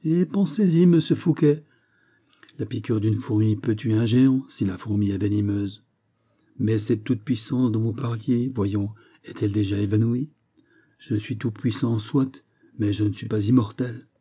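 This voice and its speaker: Dark-voiced man reading a classic novel. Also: steady tone, moderate pace, breathy edge. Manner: reads dialogue with raised voice, narration low and quiet. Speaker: audiobook reader.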